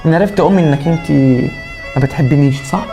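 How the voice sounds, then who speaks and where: A man's voice: a little high, very fast, mellow, faint music behind, close to an everyday voice. An actor playing a young husband torn between his mother and wife, with an Egyptian Arabic accent and an earnest, confrontational manner. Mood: hurt. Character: torn husband and son, young man, quick to anger. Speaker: actor in a web drama.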